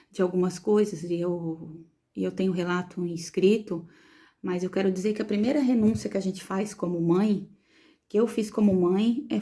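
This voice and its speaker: A woman with a Brazilian Portuguese accent, telling her story as the mother of a premature baby, in an emotional and halting way, repeating words as she goes. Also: mid-range voice, creaky, dark tone. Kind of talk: personal testimony vlog.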